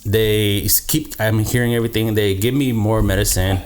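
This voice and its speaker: Low-voiced man, podcast host, casual storytelling; blunt, swears freely, laughs through it. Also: steady tone, normal speed, darkish tone, a little hiss or hum.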